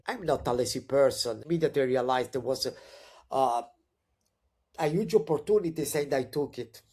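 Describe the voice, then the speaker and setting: An Italian man in his forties with a matching accent guests on a podcast, telling stories in a relaxed interview chat. His pitch is an ordinary middle range, and he hesitates a lot, packing in fillers and restarts. When something excites him, he turns upbeat and animated.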